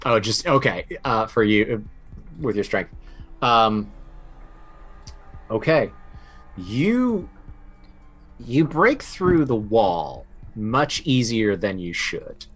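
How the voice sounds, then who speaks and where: A man running a tabletop game as game master, describing scenes in a halting way full of ums and restarts. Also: lowish voice, very animated, a bit bright.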